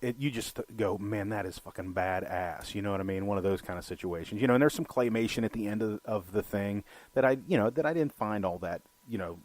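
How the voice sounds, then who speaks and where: A man's voice: fairly low pitch, lively intonation, fast talker, hardly any pauses, a little mellow, no room sound. A man co-hosting a film podcast, rambling and swearing freely, with lots of "you know". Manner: rambling, profane, heavy use of "you know". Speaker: podcast co-host. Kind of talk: casual film chat.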